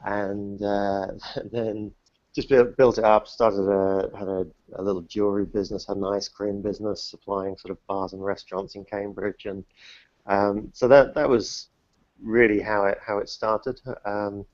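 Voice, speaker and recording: A guest entrepreneur from New Zealand who grew up in the UK gives casual interview answers, hesitant and self-deprecating, with many restarts and fillers. His low voice is level and a little mellow. The remote call audio is dull, lo-fi, and dry.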